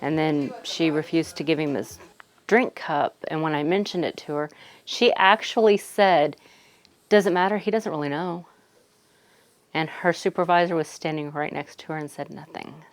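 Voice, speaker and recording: أم تتحدث بصوت منخفض جداً. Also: female voice, low voice, normal speed, no room sound. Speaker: interviewee, mother. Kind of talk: news interview.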